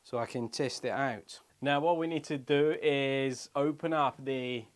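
This thirtysomething motorcycle vlogger talks through a product hands-on in a small wooden shed or garage room. His medium-pitched voice stays steady and unhurried as he explains things step by step in short, casual bits.

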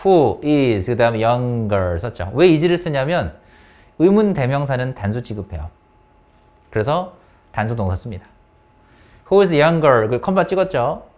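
A man in an academy classroom teaches English grammar in English, coaxing students with one question after another and addressing them by name in a lively way. He speaks a little slowly, in a mid-range voice.

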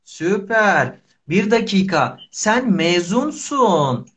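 A man's voice: sits high, very animated, drawn-out words, fairly bright tone. A man, hosting a casual live language lesson in simple, repeated short phrases. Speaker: Turkish teacher and live host. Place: small indoor room. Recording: dull lo-fi livestream audio.

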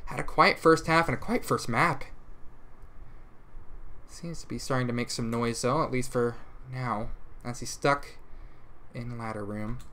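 A man casting a competitive shooter match alone, giving rapid play-by-play that jumps up in pitch and volume at big plays and corrects himself as he goes. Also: bright, forceful tone. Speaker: esports caster. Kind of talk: live esports play-by-play commentary.

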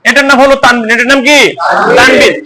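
A man's voice: very high voice, a little fast, crowd noise, poor audio. A man teaching Quran reading in a mosque, constantly quizzing his class with repeated questions and homely examples. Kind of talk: classroom teaching with call-and-response.

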